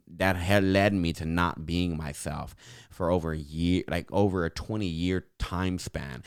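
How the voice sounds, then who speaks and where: A young man speaking earnestly and encouragingly as an interview guest, with a slight impediment that softens his r's toward w and affects his s's. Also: sits low, clear, resonant tone, dry recording, studio quality. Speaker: podcast guest. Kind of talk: earnest personal reflection in an interview.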